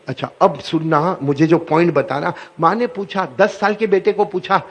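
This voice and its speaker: A man's voice: high voice, fairly even intonation, husky. A man preaching a storytelling sermon, prompting the audience to repeat after him.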